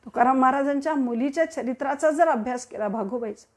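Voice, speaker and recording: A woman's voice: high voice, fast talker. A woman from Maharashtra giving a devotional discourse as a kirtan preacher, rhetorical and declaiming with sudden swells.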